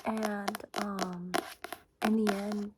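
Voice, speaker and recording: A woman chatting casually and softly in an ASMR style about things, rambling and hesitant, in an informal way. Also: medium pitch, flat delivery, extremely slow. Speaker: ASMR book reviewer. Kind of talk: soft casual ASMR chat. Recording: noisy, with clicking and shuffling handling sounds. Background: tapping and scratching on books.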